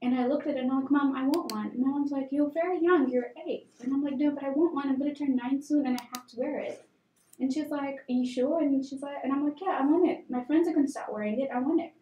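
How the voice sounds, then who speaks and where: A woman's voice: high voice, fast talker, warm tone, highs cut off. A young woman from Tanzania, a guest telling her personal story in a candid, conversational way with frequent fillers. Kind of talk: conversational interview. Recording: echoey room.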